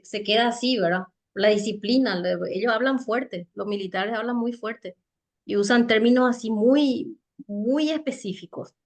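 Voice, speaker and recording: A woman giving a conversational seminar talk on soft skills, chatty and halting, often tagging her points with rhetorical questions. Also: fairly high pitch. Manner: chatty, with frequent rhetorical tag questions and light laughs; loose, halting delivery with many fillers and restarts. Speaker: speaker teaching soft skills for network marketing.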